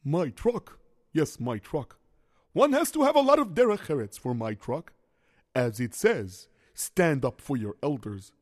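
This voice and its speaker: A man's voice: a little high, very animated, unhurried, no echo, clean studio sound. A man doing a scatterbrained, flustered handyman. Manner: rambling self-talk, sprinkled with Yiddish exclamations. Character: bumbling, scatterbrained male handyman who locks himself out. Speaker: lunch driver. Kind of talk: children's comedy sketch.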